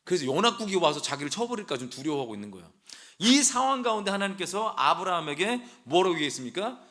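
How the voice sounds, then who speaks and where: A young pastor delivering a sermon in a lively, sing-song voice that rises and falls widely. His pitch sits a bit high for a man. He talks to the congregation conversationally and mixes plain everyday speech with preaching. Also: fast talker.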